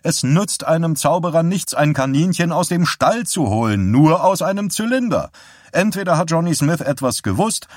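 A man's voice: on the high side, no echo, studio quality, pitched above the performer's own voice. A man doing a breezy, patronizing husband. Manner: jovial, patronizing, barking laugh. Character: cheerfully condescending husband, middle-aged man. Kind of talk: audiobook character reading.

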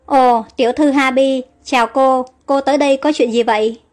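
A courteous older male doctor speaks politely and with gratitude, voiced by a woman reading a storybook. Her voice stays high even for him, and faint music plays behind. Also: normal speed, lightly acted. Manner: polite, warm deference. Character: kindly older male village doctor, grateful.

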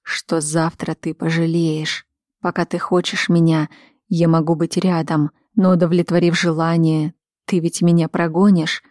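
A woman voicing a desperate, pleading adult man, murmuring in a hushed, slow way. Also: low-pitched, little pitch movement, dry recording, clean studio sound. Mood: anxious.

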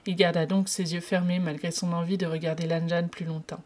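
A woman's voice: on the low side, level tone, a little fast, darkish tone. A woman reading a fan fiction story aloud in one unedited take, with small slips and restarts. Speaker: reader.

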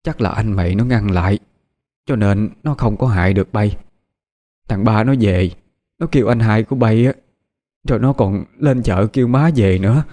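A man voicing a weary, grieving old village mother who speaks low and soothingly. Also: a little slow, long pauses, dark tone.

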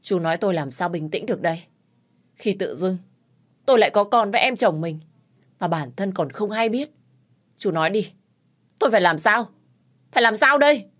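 A woman's voice: lowish voice, a little fast, darkish tone, breathy edge. A woman voicing a distraught young mother who sobs and cries out in pleading questions. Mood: anguished.

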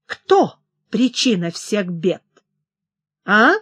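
A woman reading the part of a furious, unhinged young king who shouts in hysterical outbursts. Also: mid-range voice, sing-song, drawn-out words, slightly rough, dry recording, full character voice. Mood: raging.

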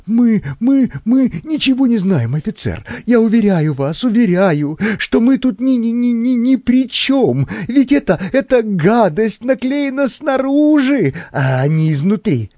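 A man's voice: a little high, a little mellow, slightly rough, no room sound. A man voicing a frightened, stammering middle-aged male shopkeeper who pleads with a policeman.

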